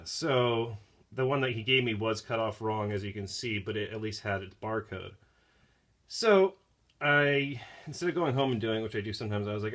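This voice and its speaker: A man's voice: medium pitch, fairly bright tone. A man vlogging in a casual, rambling storytelling style, with slangy talk and the odd swear word. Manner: slangy, swears casually, often quotes himself.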